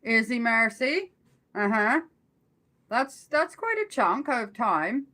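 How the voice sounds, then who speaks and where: A middle-aged or older woman chatting casually on a live stream, rambling and halting as she trails off mid-thought. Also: on the high side, very animated, pushed and bright.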